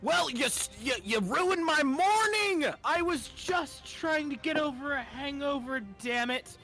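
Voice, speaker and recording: A man acts out a hungover tavern adventurer in a tabletop fantasy game. The voice is very high and sharp, swinging widely as it shouts with indignation. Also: expressive, a little slow, faint music behind, full character voice. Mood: indignant.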